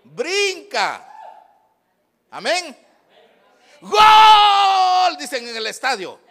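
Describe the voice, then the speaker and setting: Fervent preacher man with a gravelly, bright voice. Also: very animated, a little slow. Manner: fervent preaching, swinging from shouts to low asides. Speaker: pastor. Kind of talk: sermon.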